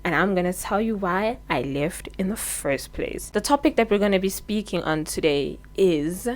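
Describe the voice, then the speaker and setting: With a lowish voice, lively intonation and a moderate pace, a South African vlogger in her early twenties offers candid, sincere advice from a seated spot indoors. The recording is rough, made on her own mic with popping.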